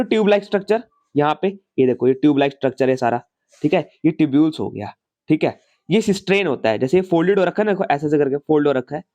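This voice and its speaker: A man with a fairly high pitch and darkish tone teaches a science class casually and chattily. He asks questions, answers them himself and explains with homely family stories.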